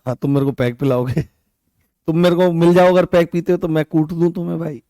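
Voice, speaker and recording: A man's voice: on the high side, steady tone, brisk, mellow, dry recording. A man teaching an online exam-prep class, coughing, often turning key points into questions for his students. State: coughing, hoarse. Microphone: own mic.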